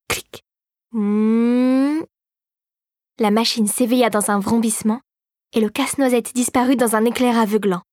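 A woman reads a children's storybook aloud in a clear, steady way. Her voice sits somewhat high. The recording is close and very dry. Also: dry recording. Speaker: narrator. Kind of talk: storybook narration.

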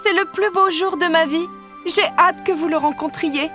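A woman voicing a joyful, lovestruck sixteen-year-old girl in a storybook reading, high and eager. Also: normal speed, music in the background, lightly acted.

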